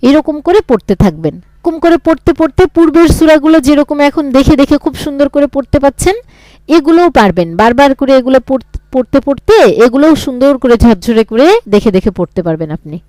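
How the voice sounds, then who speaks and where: A woman teaching Quran reading in a live class. She spells out letters patiently, checks in with her students, and recites verses in a slow, melodic chant. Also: sits high, sing-song, warm tone, dry recording, poor audio. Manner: patient, coaxing, checks in with "okay?".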